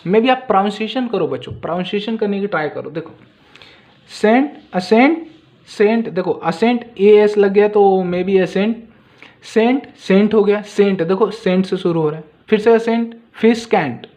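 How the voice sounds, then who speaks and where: A man teaching an exam-prep lesson, asking pupils repeated questions and saying words slowly so they can copy the pronunciation. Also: sits high, darkish tone.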